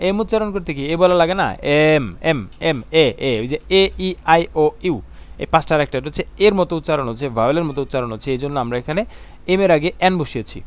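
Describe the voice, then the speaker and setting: A man explaining English grammar, reading example sentences slowly and answering his own questions. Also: on the high side, animated, clear, resonant tone. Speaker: English teacher.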